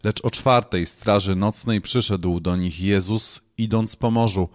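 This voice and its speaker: Low-voiced man reading scripture. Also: fairly even intonation, unhurried. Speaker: scripture reader.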